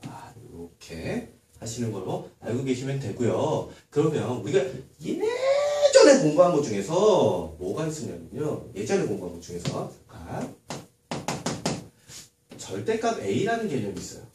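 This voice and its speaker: A man teaching a middle school math lesson, lively and full of rhetorical questions, recorded from a distance in an echoey room with faint noise. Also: mid-range voice, measured pace. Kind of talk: classroom math lecture.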